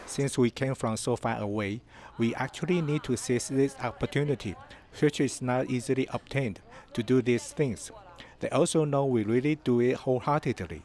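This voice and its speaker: A man reading an English translation voice-over for an interviewee in a news report, in a measured dubbed delivery. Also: medium pitch, darkish tone.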